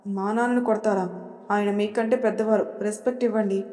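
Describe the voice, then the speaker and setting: A woman voicing a timid young wife who speaks softly and pleads. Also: mid-range voice, steady tone, a little fast, in a large hall, natural voice. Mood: pleading. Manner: soft, pleading.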